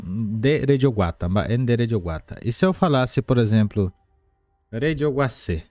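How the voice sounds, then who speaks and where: A low-pitched man leads a live online language class, spelling out words slowly and repeating them for his students. He slips into friendly asides between examples. The sound is dry and close, with faint music underneath. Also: a little mellow, dry recording. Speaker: language teacher.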